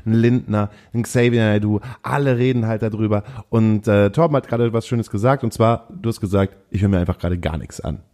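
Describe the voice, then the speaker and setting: Low-voiced man hosting a loose podcast chat. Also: fairly quick, hardly any pauses, mellow. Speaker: podcast host. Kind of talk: casual chat.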